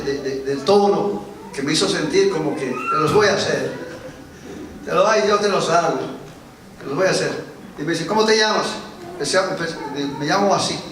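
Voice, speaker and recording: A high-pitched man preaches a sermon, pressing his points with repeated words. He sounds distant from the mic, his voice ringing through a very echoey church hall with faint room noise. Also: fairly bright tone. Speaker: pastor.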